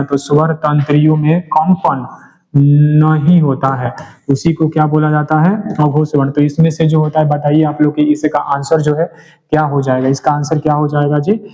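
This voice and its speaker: A man's voice: a little high, flat delivery, normal speed, dark tone. A male teacher going through exam questions one by one, asking each question aloud and then answering it himself. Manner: keeps asking and answering his own questions. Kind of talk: exam-prep lecture. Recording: dull lo-fi sound.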